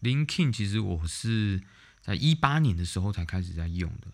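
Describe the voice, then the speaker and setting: A man with a deep, low-pitched voice tells stories straight to camera in a relaxed monologue. He talks bluntly and animatedly and throws in some mild swearing. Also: brisk. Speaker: vlog host. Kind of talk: casual storytelling monologue.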